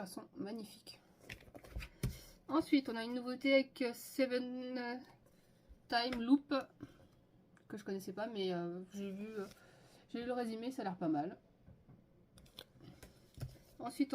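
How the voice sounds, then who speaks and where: An excited woman talks through a haul video, filling pauses with little hesitations as she goes item by item. Her voice sits in an ordinary middle range. A light background hiss runs under the recording. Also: medium pitch. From France. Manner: enthusiastic, listing items with many fillers. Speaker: manga haul vlogger. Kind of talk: casual haul video chat.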